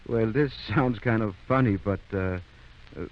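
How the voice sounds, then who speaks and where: An actor playing a kindly, tactful small-town doctor who speaks hesitantly, in an old radio drama. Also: male voice, on the low side, unhurried. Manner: hesitant, full of uh and well. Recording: muffled, noisy old radio recording.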